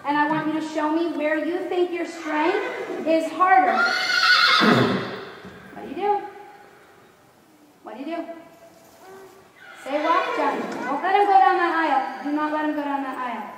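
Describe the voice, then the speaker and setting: A woman with a high voice teaches riding in brisk, projected commands. She is firm and instructive, putting questions to her pupil. The sound is distant and very reverberant, as in a large arena, with some faint noise behind her. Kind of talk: live riding lesson coaching. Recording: echoey hall, distant mic, background noise.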